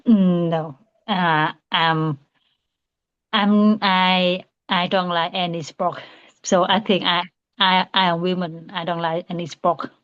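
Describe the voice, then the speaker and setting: A woman, answering practice questions in English in a hesitant, halting way with many restarts. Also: on the low side, steady tone, a bit bright, highs cut off. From Vietnam. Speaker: student.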